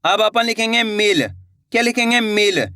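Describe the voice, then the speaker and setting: Man, high voice, patient Hindi reading teacher, slow syllable-by-syllable lesson, repeats and quizzes, dry close recording. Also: sharp tone, smooth, no echo. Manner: patient, repeats words and asks questions back.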